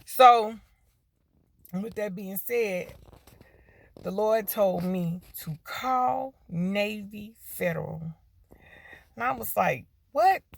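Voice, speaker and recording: Gravelly-voiced woman in her fifties. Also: mid-range voice, extremely slow, pauses often. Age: 50s. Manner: emotional, repeats "when I tell you" for emphasis. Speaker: grateful customer giving a testimonial. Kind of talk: heartfelt spoken testimony.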